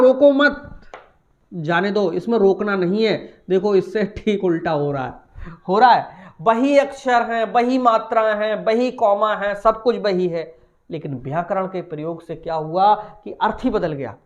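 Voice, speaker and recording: A man with a Hindi-speaking Indian accent giving a recorded commerce lecture, explaining point by point and stretching key words slowly. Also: high voice. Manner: explains point by point, slow emphatic words, asks and answers himself. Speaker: commerce teacher.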